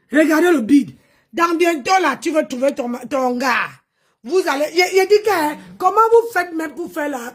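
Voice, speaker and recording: High-voiced woman ranting mockingly. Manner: mocking and confrontational, often shouting; repeats phrases for emphasis. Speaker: livestream host. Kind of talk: livestream rant.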